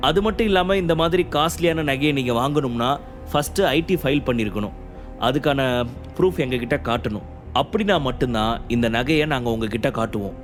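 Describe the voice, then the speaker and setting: A man's voice: medium pitch, a little fast, faint music behind, lightly acted. Guy playing a sweaty nervous shop manager, stammering and fawning, then stiff and preachy. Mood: stern. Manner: flustered, servile then scolding.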